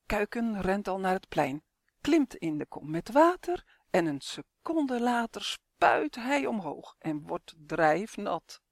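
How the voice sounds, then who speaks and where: A woman's voice: mid-range voice, slow pace, no room sound, clean studio sound. Woman reading a rhyming children's story. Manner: lively sing-song rhyming read. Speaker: author and reader. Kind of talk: storybook narration.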